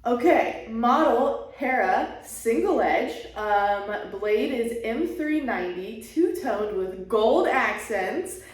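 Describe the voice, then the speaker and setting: A woman hosting a casual unboxing vlog, gushing and excitable, recorded in a bare, half-furnished room with heavy echo. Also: on the high side, slow, hardly any pauses, far from the mic. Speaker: channel host.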